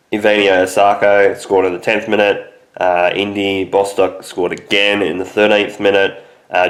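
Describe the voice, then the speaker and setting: A young man with a nasal, stuffy voice from a cold, hosting a rambling casual sports recap full of ums. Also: low voice. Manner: rambling, heavy on fillers like um and obviously. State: sick with a cold, stuffy nose. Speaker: sports podcast host.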